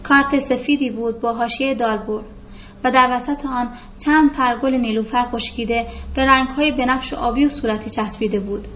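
A woman reads a literary novel aloud, calm and measured in her storytelling. Her voice sits somewhat high. The recording is dull and lo-fi, with a faint hiss behind her. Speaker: narrator. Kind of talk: literary audiobook narration.

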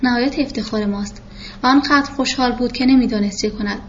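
A woman narrating a novel in a steady, even storytelling manner. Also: fairly high pitch, muffled recording, a little hiss or hum. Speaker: audiobook narrator.

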